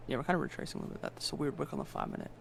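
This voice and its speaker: A fast-talking man from Atlanta with a Southern accent, chatting casually as a guest on a trading livestream. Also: a little high, steady tone, vocal fry, a little hiss or hum. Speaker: guest trader.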